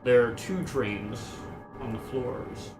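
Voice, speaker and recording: A man as dungeon master, describing scenes in an unhurried, hesitant way with many pauses and fillers. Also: mid-range voice. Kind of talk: narrating a tabletop game. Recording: roomy mic with background music.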